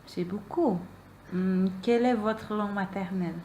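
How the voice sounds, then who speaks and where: Speaking English as a non-native with Malay as her first language, a young woman student interviewer poses questions hesitantly, full of fillers and repetition. Her mid-range voice is warm and moderately paced over slight background noise.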